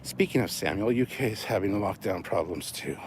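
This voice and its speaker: A lowish, animated voice at a moderate pace belongs to a Canadian man livestreaming as he walks outside, slightly breathless. He rambles informally with his audience, swears, and reads and replies to comments, all over a noisy outdoor backdrop of vehicle sounds.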